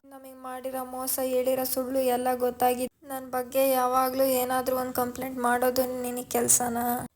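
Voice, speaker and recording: A woman's voice: high-pitched, monotone, normal speed, natural voice. A woman voicing a young woman who sharply accuses a relative of lying. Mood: accusing. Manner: accusing, confronting.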